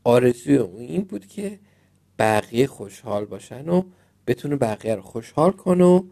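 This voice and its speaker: A man reading a children's fairy tale aloud, gentle and expressive. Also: medium pitch, vocal fry. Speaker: storyteller.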